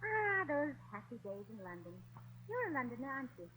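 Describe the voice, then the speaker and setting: Sitting high with big swings in pitch, this woman talks a little fast in a pushed, bright full character voice, though the audio is poor and carries some hiss or hum. Giddy and chirpy, she's a scatterbrained American wife putting on a posh English act, tossing out muddled fake-English slang such as "blimey" and "governor," straight out of 1940s radio comedy.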